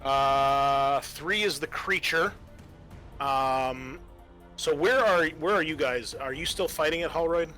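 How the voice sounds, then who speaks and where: A game master runs a tabletop roleplaying game, his bright, forward voice sitting fairly high and moving at a slow pace. He talks in a loose, casual way, describing moves and making rulings while faint music plays in the background.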